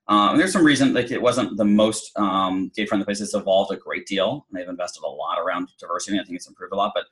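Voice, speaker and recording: A man's voice: low-pitched, fast, fairly bright tone, rough recording. A middle-aged man telling a personal story in an interview, chatty, with many fillers and restarts. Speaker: guest.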